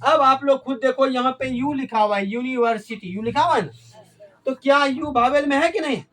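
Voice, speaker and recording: High-voiced teacher quizzing a class. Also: male voice, moderate pace, a bit bright. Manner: call-and-response questioning, repeats key words. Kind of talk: classroom grammar lesson.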